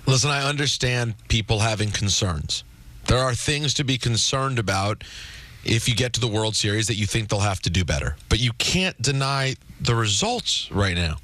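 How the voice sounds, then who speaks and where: A man's voice: mid-range voice, animated, moderate pace, sharp tone, no echo. A man co-hosting a sports talk radio show, discussing in a conversational way.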